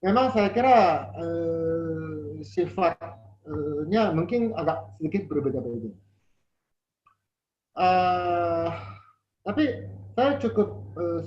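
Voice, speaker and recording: A man with a Japanese accent, a non-native speaker in an online interview, talking haltingly as a foreigner, repeating words while searching for the next. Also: fairly high pitch. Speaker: interview guest. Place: online video call. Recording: muffled, faintly noisy video call.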